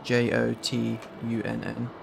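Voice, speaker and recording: A man's voice: mid-range voice, completely flat delivery, a little slow, gravelly, background noise. A man with a London accent, casually reading through a list of game mods with a friend. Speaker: streamer. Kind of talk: casual gaming chat.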